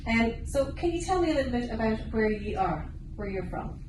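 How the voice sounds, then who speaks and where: A woman's voice: a little high, big pitch swings, brisk. A woman with an Irish accent asking informal, encouraging questions as an interviewer. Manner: encouraging, affirming answers. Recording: echoey room, distant mic, background noise.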